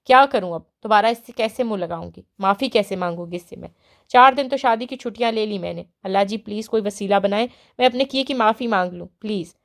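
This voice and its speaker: A woman voicing an impulsive, hot-tempered young heroine in an audiobook, with quick exasperated retorts. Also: mid-range voice, creaky, lightly acted. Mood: remorseful.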